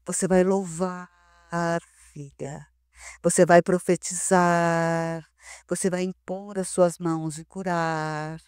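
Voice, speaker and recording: A woman voicing a slow, gentle divine voice. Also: lowish voice, fairly even intonation, clear, resonant tone, no echo, clean studio sound. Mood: tender, solemn. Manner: slow, sweet and firm. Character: gentle, solemn divine male voice.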